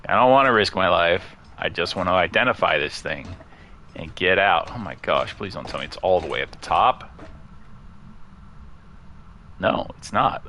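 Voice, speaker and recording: A low-pitched man giving easygoing let's-play commentary, his voice bright and clear. He is chatty and quick to laugh, and he wanders off to talk about his cat between moves. His pitch swings widely as he talks. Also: expressive, a little hiss or hum. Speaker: gaming streamer. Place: at home near a couch.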